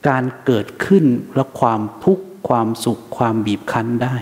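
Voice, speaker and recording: A man's voice: medium pitch, a little mellow, in a large hall. A man teaching a Buddhist dharma talk in a conversational manner, asking rhetorical questions and acting out the voices he quotes.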